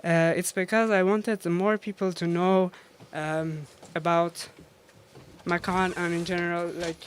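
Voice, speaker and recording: A woman's voice: fairly low pitch, little pitch movement, measured pace, a little hiss or hum. A woman from Iran, a DJ being interviewed, telling stories with many fillers and frequent laughs. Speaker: DJ and guest. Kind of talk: casual interview.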